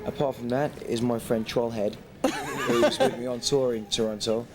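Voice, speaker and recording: A man's voice: medium pitch, steady tone, moderate pace, a loud crowd. A man from England, chatting in a casual interview, rambling, swearing and laughing often. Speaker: guest DJ. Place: airport. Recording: noisy location recording.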